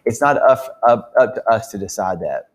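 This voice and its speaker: A man's voice: on the low side, moderate pace. Earnest man giving a motivational talk. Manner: earnest, animated storytelling with frequent restarts. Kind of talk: faith-based motivational talk.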